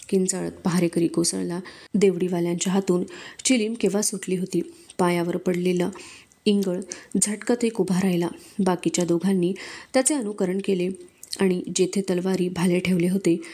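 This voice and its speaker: A woman narrating a historical novel aloud in a steady storytelling manner. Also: on the low side. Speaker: audiobook reader.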